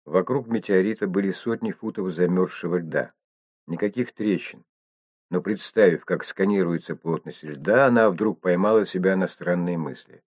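A man narrating an audiobook in a steady, even storytelling manner. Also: deep voice, moderate pace, husky, no echo, studio quality.

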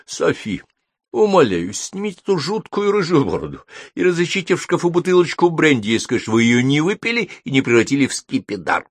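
A man voicing a worn-out young wizard with a cold in a storybook reading, hoarse and sardonic. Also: mid-range voice, sing-song, normal speed, no room sound, clean studio sound, pitched above the performer's own voice. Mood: hoarse complaint. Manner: tired, sardonic.

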